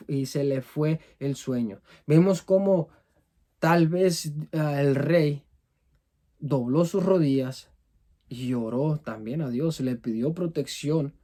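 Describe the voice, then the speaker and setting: Earnest preacher man, mellow voice. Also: a little high. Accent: Latin American Spanish. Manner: earnest, repeats words while reading scripture aloud. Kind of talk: sermon.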